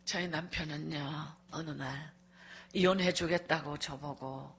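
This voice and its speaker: A woman's voice: deep voice, steady tone, measured pace, fairly bright tone, a little hiss or hum. A middle-aged woman evangelist gives a revival sermon testimony and tells her story with strong emotion. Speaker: evangelist preaching at a revival meeting.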